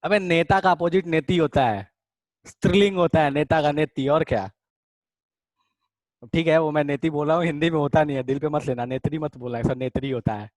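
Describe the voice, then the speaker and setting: This male chemistry teacher runs an informal online class, explaining reactions, chatting with students he calls beta, and reading their chat comments. His voice is on the high side, steady and brisk, in a dry recording.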